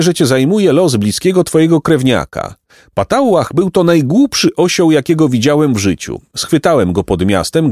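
A man voicing a loud, boastful innkeeper who hawks sausages, in a raised, pitched-up voice. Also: no echo, studio quality. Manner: raised, hawking voice.

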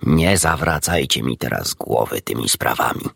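Storybook doctor; male reader as a kindly, unhurried vet, low, husky, dry close sound. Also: no echo, exaggerated voice. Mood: unbothered. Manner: calm, reassuring, gentle. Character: kindly, unflappable old country doctor.

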